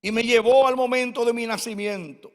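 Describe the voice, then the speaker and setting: Very high-pitched and steady in tone, a man in his sixties speaks at normal speed while preaching a passionate sermon of personal testimony. The church hall around him rings with long reverb.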